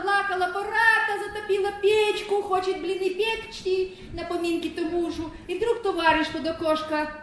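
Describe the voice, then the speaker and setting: A woman with a telling a bawdy folk tale in a lively, sing-song way. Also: very high voice. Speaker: folk storyteller. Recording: echoey field recording, faint hiss.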